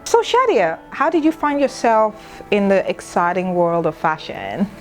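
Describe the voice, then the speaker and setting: A woman's voice: medium pitch, big pitch swings, measured pace, soft background music. A woman hosting a TV fashion interview, asking brief upbeat questions. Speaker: show host.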